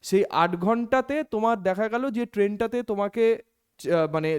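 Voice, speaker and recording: A man's voice: sits high, brisk, clean tone. A man teaching an exam-prep lesson, walking through the figures step by step and putting questions to himself before answering them. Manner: explains step by step, repeats figures, asks and answers his own questions. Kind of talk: classroom-style lecture.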